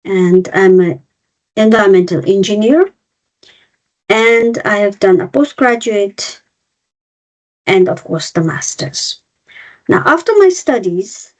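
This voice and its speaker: Slow and expressive, with long pauses, this woman speaks at a medium pitch. In her fifties and from Nepal and India, she presents an online webinar as a cross-cultural trainer, going step by step with frequent fillers and restarts. The dull, lo-fi audio comes from a video call.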